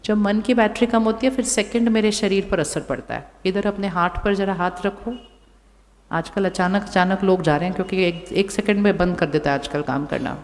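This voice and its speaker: A woman giving a calm spiritual talk to a live audience. She keeps asking the crowd questions and repeats her phrases. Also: mid-range voice, normal speed. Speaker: spiritual speaker. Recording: long hall reverb.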